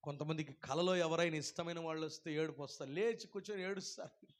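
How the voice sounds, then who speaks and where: High-voiced man preaching with fervor. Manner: swings between loud proclaiming and soft, hushed comforting asides; breaks into slow sung hymn lines. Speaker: pastor. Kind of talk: sermon.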